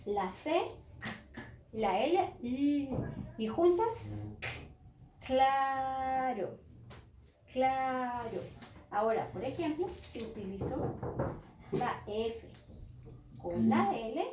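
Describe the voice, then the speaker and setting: A woman teacher giving a children's phonics lesson at a whiteboard, slowly sounding out letters and words. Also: a little high, very animated, background noise. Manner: slow, drawn-out sounding out of letters. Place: classroom with whiteboard. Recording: echoey room.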